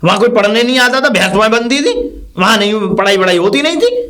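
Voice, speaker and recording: A bumbling old mustached villager. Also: male voice, high-pitched, sing-song, fast, bright, forceful tone, full character voice. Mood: rambling. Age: older. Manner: rambling, keeps misspeaking then correcting himself. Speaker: villager guiding the new teacher. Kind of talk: rural comedy sketch acting.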